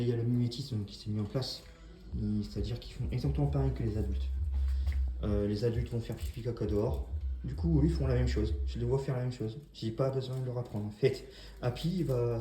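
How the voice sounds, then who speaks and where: A man's voice: medium pitch, dark tone, echoey room. A man, a dog breeder, talking casually to camera about his puppies, hesitant with many fillers and restarts.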